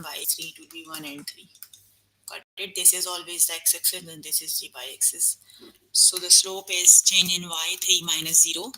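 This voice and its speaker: Over an online call, a young woman leads a math class on her computer microphone, pausing again and again to check that everyone understands. Her fairly low voice sounds pushed and bright, and the rough recording carries a little hiss or hum.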